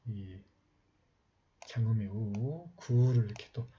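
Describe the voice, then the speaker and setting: A man giving a slow, patient step-by-step writing lesson, talking while he writes, with many pauses. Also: fairly low pitch, dark tone. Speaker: calligraphy teacher. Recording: slightly dull lo-fi sound with faint noise.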